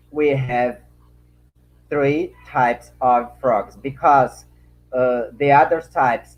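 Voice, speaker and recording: A man from Acre, Brazil, answers a panel question in English, his second language, with a Brazilian Portuguese accent. He speaks haltingly, using many fillers and repeated words as he searches for the right words. His pitch is medium and the audio sounds dull.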